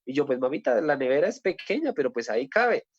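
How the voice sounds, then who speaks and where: A man's voice: mid-range voice, sing-song, fast talker, husky, no echo, highs cut off. Earnest Colombian man giving a testimony. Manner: earnest, with repeated rhetorical "¿sí?" and restarts. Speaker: testimony speaker.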